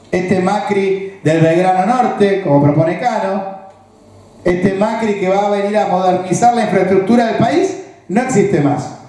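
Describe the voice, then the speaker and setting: A man's voice: sits high, warm tone. A man with a Rioplatense Argentine accent giving a political analysis speech, explaining step by step and checking that his listeners follow. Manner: explanatory, asks the audience rhetorical check-in questions. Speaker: political speaker. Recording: very echoey, roomy recording.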